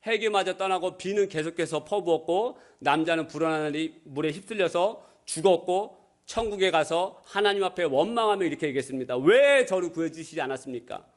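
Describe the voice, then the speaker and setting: A male pastor delivers a Sunday sermon in a church sanctuary, speaking in a high register. He jokes lightly with the congregation and breaks into small acted voices for the people in his anecdotes. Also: brisk. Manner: playful, acts out voices in anecdotes.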